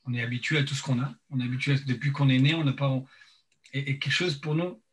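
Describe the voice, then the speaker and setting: A man teaching an informal religious lesson, speaking haltingly and searching for words, his mouth half numb from dental anaesthetic. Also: mid-range voice, fairly even intonation, low-quality recording. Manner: hesitant, repeats and searches for words.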